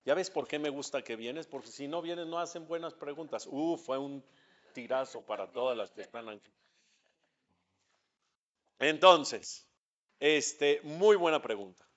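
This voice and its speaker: A man's voice: fairly high pitch, measured pace, pauses often. A man teaching a religious class as a rabbi, acting out dialogue and asking his listeners questions. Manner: animated storyteller acting out dialogue, asks the audience questions. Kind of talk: religious lesson. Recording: dull lo-fi recording.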